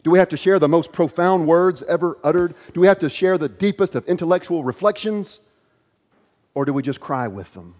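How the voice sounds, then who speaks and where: A man's voice: fairly high pitch, darkish tone, big-room sound. A man preaching a sermon as pastor, earnest and questioning, reading scripture aloud.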